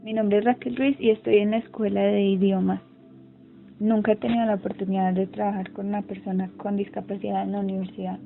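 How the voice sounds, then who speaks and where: A woman's voice: medium pitch, level tone, a little fast, vocal fry, faint music behind. A woman giving interview answers, on a narrow recording. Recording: narrow, phone-like sound.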